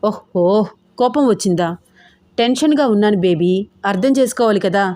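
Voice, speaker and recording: A woman's voice: medium pitch, lively intonation, normal speed, mellow, dry recording, lightly acted. A woman voicing a teasing, playful young husband in a romantic audio story, with a cajoling manner.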